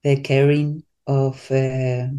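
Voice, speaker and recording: Spanish-accented woman coach, slow and halting, warm mellow tone, casual interview guest. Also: very deep voice, little pitch movement. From Spain. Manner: halting, searches for English words, many restarts.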